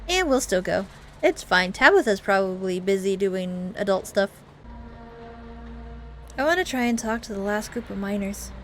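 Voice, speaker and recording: A woman's voice: medium pitch, animated, moderate pace, pauses often, a bit bright. A woman hosting a game playthrough, reading the dialogue aloud with amateur voice acting. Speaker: video game playthrough host. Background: music under the voice.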